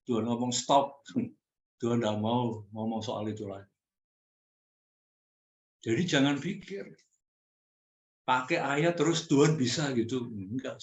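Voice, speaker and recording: Male preacher, mid pitch, casual direct sermon delivery, roomy reverb. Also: measured pace, pauses often. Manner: conversational preaching, direct challenges to the congregation. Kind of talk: sermon teaching.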